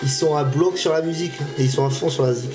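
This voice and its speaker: A man with a high, bright voice gives casual reaction commentary on a fishing video. His talk is excitable and full of slang, and he laughs often. Loud background music runs under everything he says. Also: fast. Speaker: YouTube fishing channel host.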